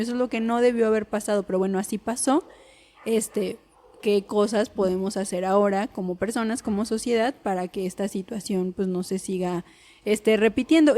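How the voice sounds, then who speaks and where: A woman's voice: mid-range voice, dark tone. A woman co-hosting a podcast, talking in a tentative, reflective way with many hedges. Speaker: podcast co-host. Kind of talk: conversational podcast chat.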